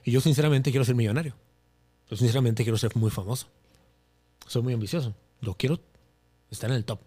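A man's voice: mid-range voice, a little fast, slightly rough. A young Mexican man, a guest on a podcast, telling a personal story with animation and acting out the lines of the dialogue he quotes. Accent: Mexican Spanish. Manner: animated, acts out his own quoted dialogue.

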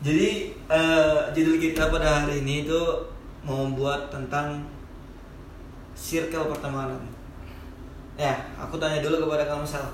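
An echoey room carries a young man's slightly high voice. He hosts a casual podcast informally, steering the conversation with questions over faint background noise. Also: level tone, normal speed, pauses often. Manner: informal, question-led hosting. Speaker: podcast host.

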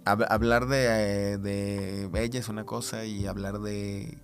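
A Mexican man with a low, gravelly voice recalls a personal story as a guest on a podcast. He speaks in a hesitant, halting way, full of fillers and restarts. Clear background music plays under his voice in the recording booth. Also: flat delivery.

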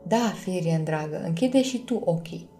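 A woman's voice: on the low side, animated, mellow, faint music behind. A woman voicing a stubborn, dreamy young girl who answers in a brusque, dismissive way. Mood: patient.

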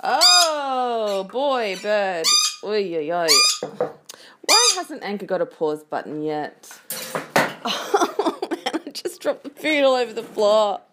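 A woman's voice: mid-range voice, big pitch swings, slow pace, very noisy. A woman podcast host with a theatrical, campy manner, rambling playfully and candidly as she records a casual audio diary at home. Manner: playful, candid, self-interrupting chatter. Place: recorded while walking about at home.

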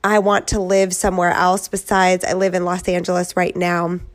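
A woman's voice: on the low side, completely flat delivery, normal speed. A woman talks through her podcast in a loose, chatty way. Her voice is congested and thick from a head cold. She leans on ums and likes as she goes. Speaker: podcast host. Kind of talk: casual solo podcast talk.

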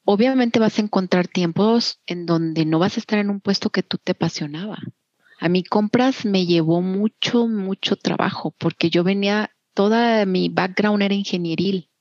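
A woman's voice: medium pitch, moderate pace, darkish tone, no echo, dull audio. A middle-aged woman with a Mexican accent, talking candidly and encouragingly as an interview guest. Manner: candid, encouraging, many fillers. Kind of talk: casual interview.

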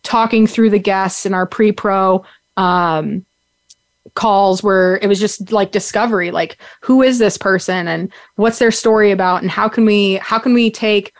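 With a medium-pitched voice at a measured pace and no room sound, a young woman hosts a podcast from a seat on the ground. Her recap is a rambling, upbeat casual chat loaded with "like" and "um."

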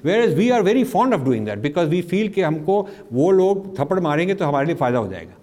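Indian guy doing a public talk, kinda high voice, echoey hall, hammers his points. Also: big pitch swings, very fast, dark tone. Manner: emphatic, repeats phrases, slips between English and Hindi. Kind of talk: public talk, answering questions. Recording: long hall reverb.

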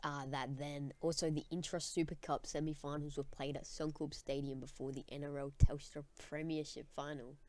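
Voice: mid-range voice, little pitch movement, moderate pace, few pauses, darkish tone. A young student with an Australian accent hosting a casual sports chat podcast in matey, slangy talk. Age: teenager or young student. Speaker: podcast host.

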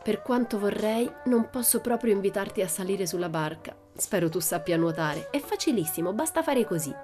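A woman voicing a bold, cheeky girl adventurer who talks in a lively, boastful, playful way. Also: mid-range voice, moderate pace, over music, pitched above the performer's own voice, natural voice. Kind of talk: audiobook character voice.

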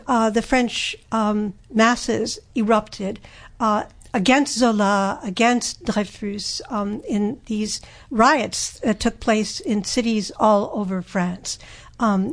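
A woman explaining history in an interview, speaking hesitantly with many fillers and restarts. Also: mid-range voice. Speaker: guest expert.

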